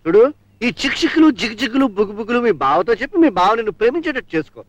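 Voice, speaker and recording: An actor playing a blustering, scheming rich middle-aged father in a 1980s film, loud, with a catchphrase he keeps repeating. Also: very high voice, very animated, racing, dry recording, heavily acted.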